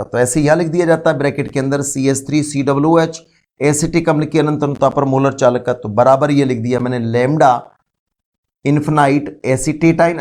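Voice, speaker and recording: A man's voice: fairly high pitch, darkish tone. A man teaching a chemistry lesson, explaining step by step, asking the class questions and calling his students "beta". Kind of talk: classroom lecture.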